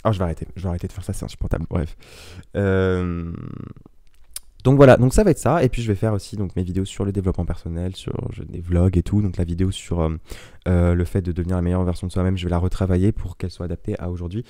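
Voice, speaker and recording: A young man runs his own podcast, talking casually and alone while rambling, digressing, and mocking himself. He has a low-pitched, warm voice, fairly even intonation, and talks fast. The recording, made on a ten-year-old microphone, is clean studio sound with no echo.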